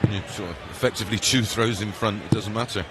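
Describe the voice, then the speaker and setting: A man's voice: fairly low pitch, fast. A man giving conversational analysis as co-commentator on a live darts match. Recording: very loud crowd and noise. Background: roaring darts arena crowd.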